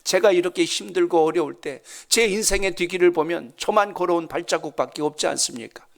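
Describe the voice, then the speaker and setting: A man's voice: high voice, brisk, vocal fry. A pastor acting out a grieving young man. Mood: pleading. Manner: pleading, plaintive.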